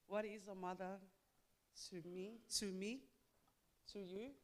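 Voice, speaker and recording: A woman from Samoa with a Samoan accent gives a heartfelt, halting church testimony for Mother's Day, moving between languages. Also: medium pitch, steady tone. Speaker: church member giving a testimony.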